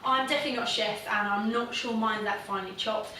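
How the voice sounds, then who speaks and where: A woman's voice: a little high, fairly even intonation, fast talker, pushed and bright, far from the mic, slight background noise. A woman hosting a casual home cooking demonstration, chatty and self-deprecating, with plenty of fillers. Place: home kitchen. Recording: very echoey room, voice from off the mic.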